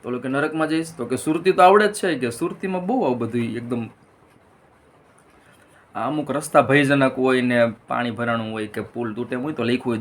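A middle-aged man, telling a string of jokes in a casual monologue and switching voices for the punchlines. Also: medium pitch.

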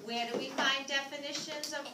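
A woman's voice: high-pitched, steady tone, moderate pace, a loud crowd. A woman teaching a class as a visiting teacher, patiently prompting students to repeat her words, in a school classroom. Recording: echoey classroom from far off, noisy.

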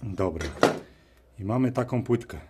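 Over a noisy workbench, a man with a fairly low voice mutters casually to himself in short phrases, unhurried but with lively intonation. He's a video host offering informal running commentary as he works at a cluttered indoor workshop bench. The recording is clear, carrying background noise and the clicks of tools and parts.

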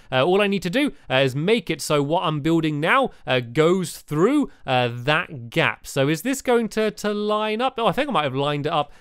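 A young British man giving chatty, excitable commentary while playing a building game, full of fillers and restarts. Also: a little high, smooth, no room sound, studio quality. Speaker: gaming video creator. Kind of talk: casual gameplay commentary.

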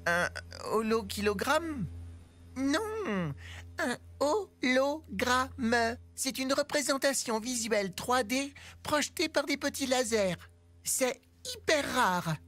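A storyteller voicing Binti, an excitable young female talking cat who eagerly explains things. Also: high voice, slow pace, voice pushed up, exaggerated voice. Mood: excited. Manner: chirpy, eager know-it-all.

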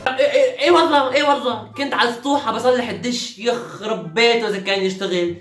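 A man's voice: extremely high pitch, very fast, a bit bright. A man voicing a sly, jovial middle-aged neighbor with a Syrian accent, teasing and dodging questions. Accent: Syrian Arabic. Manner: teasing, boisterous, evasive. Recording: echoey room, faint music.

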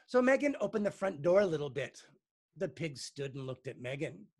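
Brief: male teacher reading a picture book to kids, expressive, pitch rising and falling a lot. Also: normal speed, husky. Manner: lively, expressive, playful. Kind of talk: storybook read-aloud.

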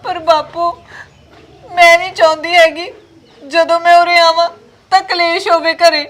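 An actress playing a gentle married daughter visiting her parents, soft-spoken and pleading with her brother and sister-in-law. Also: high-pitched, normal speed. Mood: tearful.

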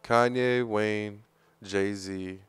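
A man with a New York accent and a low voice, talking casually on a podcast. His tone is smooth and clear, and the recording is dry and close. He hesitates and restarts often as he thinks aloud. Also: steady tone, drawn-out words, dry recording. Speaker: podcast co-host. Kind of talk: casual chat.

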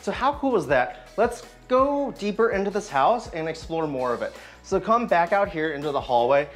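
A man's voice: sits high, big pitch swings, moderate pace, faint music behind. A man in his thirties hosting a walking tour of an old house, enthusiastically guiding viewers from room to room. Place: empty old house, indoor rooms.

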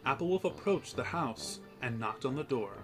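A man reading storybook narration in a steady, even way. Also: mid-range voice, moderate pace. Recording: narration with music behind it.

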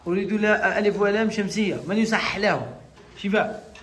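A man's voice: high-pitched, brisk, fairly bright tone, a little hiss or hum. A male teacher leading a classroom lesson with young pupils. He talks patiently, repeats each letter and praises the answers.

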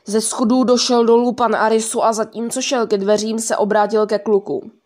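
A woman reading a scripted horror story in a calm storytelling delivery. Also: a little high. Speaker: narrator.

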